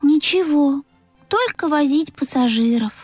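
A naive little male train from a children's storybook, gentle and eager to please, as a woman reads him. The voice sits high and light with plenty of lilt. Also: big pitch swings, moderate pace, dry recording, soft background music. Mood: wistful.

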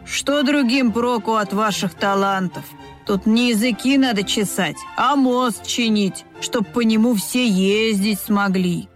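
A practical old male beaver from a storybook, grumbling with disapproval, as a woman reader puts him on. He drags his words out very slowly and keeps his voice subdued. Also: a little high, faint music behind, close to an everyday voice. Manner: gruff, disapproving, slow.

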